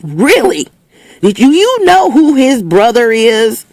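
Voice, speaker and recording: A woman hosts her own opinion segment, delivering a casual monologue in an emphatic, preachy style while often restarting and repeating herself. Her voice is slightly hoarse and lower than usual, with a sing-song lilt and a slow pace. She speaks into a recording setup with a level meter, and the recording is dry.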